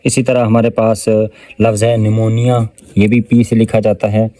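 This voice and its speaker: A man with a Pakistani Urdu accent teaching English grammar for a test. He explains each answer step by step, pauses often, and reads the English sentences slowly and deliberately. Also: fairly low pitch, flat delivery, dark tone, dry recording. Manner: explains step by step with frequent fillers.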